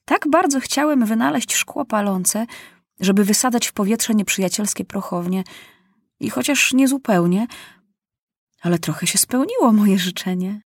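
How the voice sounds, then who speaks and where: A woman's voice: medium pitch, animated, normal speed, husky, no echo, studio quality. A woman doing an eager young boy soldier. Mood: musing. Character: boy king at war, small, sly and brave.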